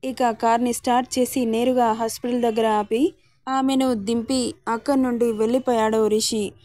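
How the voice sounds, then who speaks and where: Woman storyteller, steady romance narration, slightly high voice, dry sound. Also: moderate pace, no room sound.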